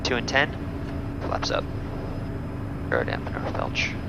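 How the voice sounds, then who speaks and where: A man flying as pilot, giving terse, clipped checklist callouts over a cockpit headset intercom. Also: slow. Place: jet cockpit. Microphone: headset mic. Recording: muffled cockpit headset audio with engine noise. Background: engine and cockpit noise.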